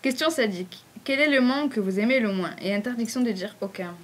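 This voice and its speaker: A woman's voice: on the high side, expressive, fairly quick, a bit bright. A woman with a southern French accent answering fan questions in a casual, rambling vlog, full of fillers. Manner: chatty, rambling, frequent fillers.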